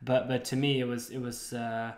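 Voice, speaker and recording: A man's voice: medium pitch, moderate pace. A young man from Sweden, casually chatting at a table as a podcast co-host, often repeating words as he gets going. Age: young adult. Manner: animated, repeats words when starting sentences. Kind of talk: casual chat. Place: living room at a table. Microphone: desk mic. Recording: roomy echo.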